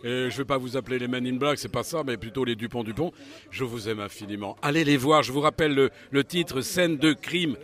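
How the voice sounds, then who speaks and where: A man's voice: mid-range voice, a little fast, fairly bright tone. A man interviewing two performers, chatty and jokey, with plenty of fillers and wordplay. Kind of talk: casual street interview.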